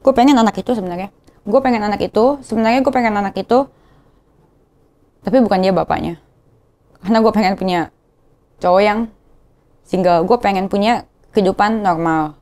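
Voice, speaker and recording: A woman's voice: medium pitch, brisk, pauses often, darkish tone. A young woman with a Jakarta slang accent, talking in a casual confessional vlog, emotional and rambling, often repeating herself. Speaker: vlogger.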